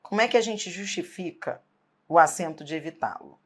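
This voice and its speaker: Lady teacher, slightly low voice, punchy exam prep, lots of "tudo bem?". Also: lively intonation, fairly quick. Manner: emphatic, asks rhetorical questions and checks in often. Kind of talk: exam-prep grammar lesson.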